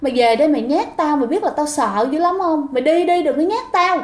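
A frightened young man pleads with a ghost to leave him alone, as a woman narrating a ghost story puts him on. The voice is high and hurried, heard in an echoey room. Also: animated.

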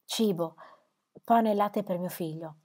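A woman's voice: lowish voice, unhurried, a little mellow. A woman voicing a fragile young widow. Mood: faint. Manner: weak, imploring. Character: fragile young widowed mother, small and faint.

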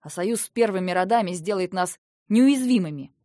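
A woman's voice: medium pitch, lively intonation, moderate pace, warm tone, dry recording, clean studio sound, close to an everyday voice. A woman reading the lines of a young prince who firmly reasons with and pleads with his sister in an audiobook. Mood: persuading. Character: young male prince, weary stern older brother.

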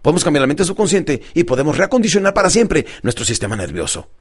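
Husky, animated motivational speaker. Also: male voice, a little high, quick pace. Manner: animated, acts out both sides of dialogues; calls listeners champions. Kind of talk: self-help audio program.

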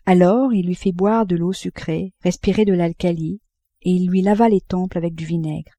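A woman narrating a classic novel with a measured, expressive delivery. Her voice is mellow and warm, and the recording is dry and close to the mic. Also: lowish voice, no room sound. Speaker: audiobook narrator. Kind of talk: literary audiobook narration.

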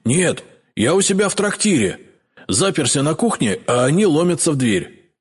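A man voicing a panicking former imperial chef, barricaded and desperate, in a shrill, strained voice. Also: very animated, normal speed, breathy edge, full character voice. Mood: panicked.

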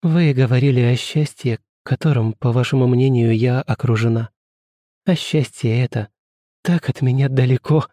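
A woman's voice: very deep voice, moderate pace, warm tone, dry recording, clean studio sound. A man voicing a tearful young wife. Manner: sobbing, pleading exclamations. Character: young married woman, tearful and distraught. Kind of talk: audiobook character reading.

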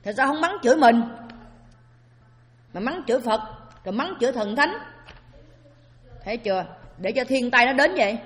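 A woman's voice: on the high side, animated, normal speed, long pauses. A woman giving a Buddhist Dharma talk as a sermon, often asking her listeners rhetorical questions. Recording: long hall reverb.

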